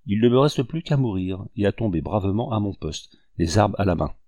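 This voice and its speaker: A man's voice: on the low side, lively intonation, fairly quick, warm tone, no echo, natural voice. A man voicing a proud rebel commander who speaks with grave bitterness, in an audiobook. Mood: bitter.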